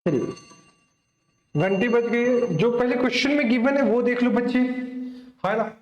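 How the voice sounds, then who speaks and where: In an echoey, reverberant room, a man with a very high, unhurried voice teaches maths, captured on a muffled recording. Like a coaching teacher, he explains step by step, repeats points for emphasis, and often asks his students, addressing them affectionately, whether they follow.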